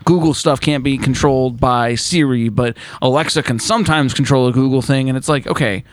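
A man with a mid-pitched voice co-hosts a casual tech podcast. He talks bluntly, swears offhandedly and explains things plainly. The recording is dry, with no room sound. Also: a little fast, dry recording. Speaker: podcast co-host, tech worker. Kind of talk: casual chat.

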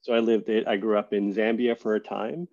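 A man talking as a guest on a podcast, relaxed and thoughtful, with lots of fillers and restarts. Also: on the low side, fairly quick, muffled recording. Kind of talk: casual interview conversation.

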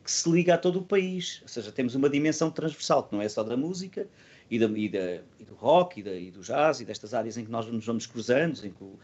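A man with a European Portuguese accent talking casually in an interview as a band musician, earnest and halting, repeating words and using slang. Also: medium pitch, animated, a little mellow, dull audio.

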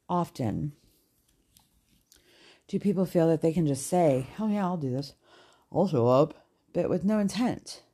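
A woman's voice: lowish voice, mellow. A woman with children ranting in a casual podcast monologue, blunt and heavy on profanity. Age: adult with children. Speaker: podcast host.

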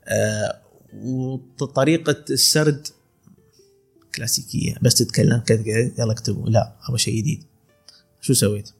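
A man's voice: medium pitch, fairly even intonation, normal speed, gravelly, long pauses, breathy edge, faint music behind. A man in his twenties with an Emirati accent, a calligrapher telling stories in casual podcast chat, laughing often and restarting his sentences. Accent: Emirati Arabic. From UAE, Khor Fakkan. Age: 20s. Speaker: calligrapher guest.

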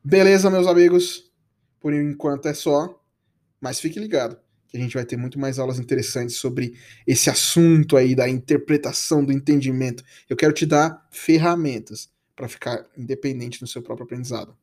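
A man's voice: medium pitch, normal speed, a little mellow. A man from Brazil teaching English in a casual, chatty podcast lesson, coaxing listeners with slangy asides.

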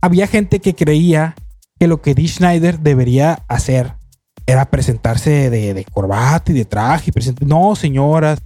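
A man's voice: on the high side, normal speed, no echo, faint music behind. A man telling a story in casual chat, rambling with restarts and acting out quotes. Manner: rambling, many restarts, quotes people in lively voices.

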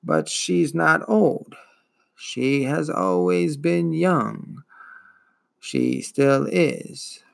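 A man voicing an ancient, weary female giant turtle who speaks in a slow, gloomy, wheezing drawl. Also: on the high side, sing-song, creaky, full character voice.

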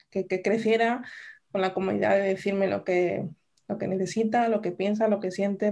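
Mother talking reflectively, gravelly voice. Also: medium pitch, mellow. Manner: reflective, with many restarts and fillers. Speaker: podcast co-host, mother. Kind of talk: casual podcast chat.

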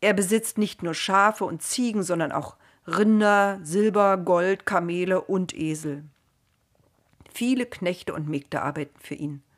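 A woman's voice: fairly low pitch, a little slow. A woman voicing an old male servant in a story, speaking eagerly and earnestly.

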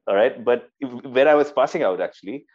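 A man's voice: mid-range voice, lively intonation, brisk, highs cut off. A man with a Pakistani accent telling stories casually in conversation, informal and hesitant, often repeating his words. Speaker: interview guest, former army cadet.

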